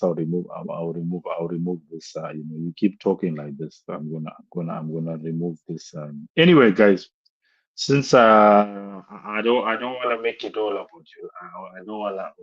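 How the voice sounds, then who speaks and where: A young man ranting on a live stream, exasperated and looping back over the same points. His voice sits low and sounds husky, and the audio comes through dull and lo-fi. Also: moderate pace. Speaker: football fan streamer. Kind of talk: live stream match rant.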